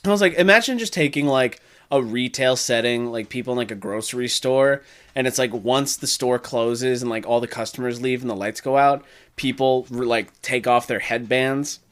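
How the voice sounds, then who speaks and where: A young man co-hosting a gaming podcast with a plain, mid-pitched voice. He rambles through ideas in animated bursts, swears freely and gets loud when he is worked up. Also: moderate pace. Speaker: podcast co-host. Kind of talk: casual chat.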